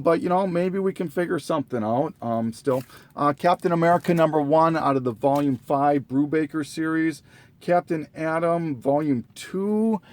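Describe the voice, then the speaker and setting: A man slowly listing items from his collection in a casual, halting way, full of ums and self-corrections, clearing his throat as he loses his voice. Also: on the high side, a little mellow. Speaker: comic collector listing trades. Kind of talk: casual show-and-tell listing.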